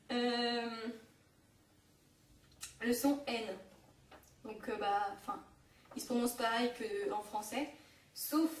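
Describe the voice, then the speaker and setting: Hesitant young woman, echoey far-off mic. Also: on the high side. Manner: hesitant, many fillers and self-corrections. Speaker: online Japanese teacher. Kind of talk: casual home-made lesson. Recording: echoey room, mic at a distance.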